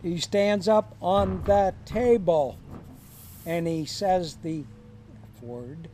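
Older man, former counselor, high voice, slow storytelling, chuckling, acts out quotes, faint background noise. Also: dark tone. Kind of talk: storytelling in casual podcast chat.

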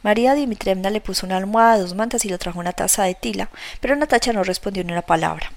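A woman's voice: mid-range voice, quick pace, dry recording. Woman reading a novel aloud. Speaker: audiobook narrator. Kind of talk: scripted narration of a novel.

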